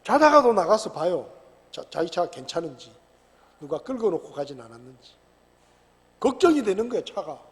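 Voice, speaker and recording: A middle-aged male pastor from South Korea preaching a sermon, full of rhetorical questions and sudden shouted bursts. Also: on the high side, big pitch swings, fairly quick, pauses often, slightly rough, in a large hall. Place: church sanctuary.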